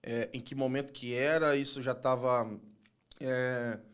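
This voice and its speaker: A man hosting a podcast in a loose, slangy way, often calling his guest "cara". His voice is smooth and clear. He keeps the chat informal. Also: medium pitch, flat delivery, measured pace, a bit bright. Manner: laid-back, slangy, says "cara" often. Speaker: podcast host. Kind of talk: casual interview chat.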